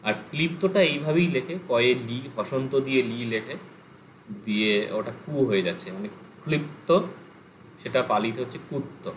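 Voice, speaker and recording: A man's voice: medium pitch, normal speed, a little hiss or hum, rough recording. Man teaching an online class. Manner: explanatory, thinks aloud with fillers. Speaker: Pali teacher.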